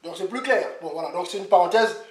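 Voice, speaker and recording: High-voiced man preaching in an echoey room. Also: fast talker. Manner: rambling, repeats himself, animated asides. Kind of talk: informal sermon.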